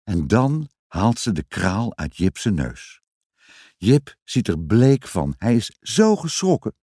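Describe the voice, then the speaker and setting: Low-voiced man reading a children's story. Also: takes it slowly, slightly rough, no room sound, studio quality. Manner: expressive, sing-song storytelling. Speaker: narrator. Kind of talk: children's story read aloud.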